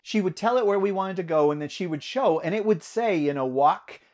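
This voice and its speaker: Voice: medium pitch, fast talker, a little mellow. An American audiobook narrator telling a story in a casual podcast chat, with laughing asides.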